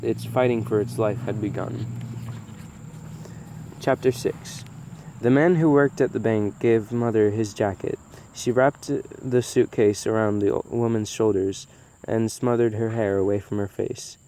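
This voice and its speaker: A man reading a novel aloud in a steady way, with small slips and restarts. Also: on the low side, unhurried, slight background noise. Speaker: audiobook reader.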